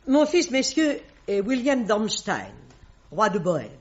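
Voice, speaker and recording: In a French radio drama preserved on a dull old recording, an actress voices a proud queen mother of middle age. Her medium-pitched voice swings hugely in pitch as she speaks gravely and confidingly, with haughty, formal, measured diction.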